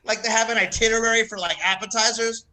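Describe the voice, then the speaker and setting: A man from the American South doing a stand-up set, telling stories fast, laughing and swearing often. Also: high voice, fairly even intonation, bright, forceful tone, rough recording. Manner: rapid, laughing, swearing storyteller. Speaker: stand-up comic.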